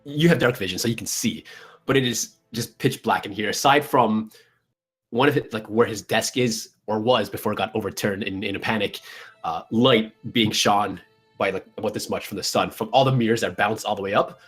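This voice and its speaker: A man improvising narration as a tabletop game master, describing scenes in a halting way as he searches for words. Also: lowish voice, a bit bright, breathy edge, soft background music.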